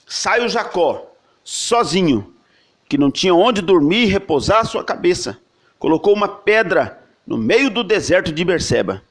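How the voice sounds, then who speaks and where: A man's voice: high voice, very animated, moderate pace. A man preaching a sermon as a pastor, telling the story vividly and emphatically.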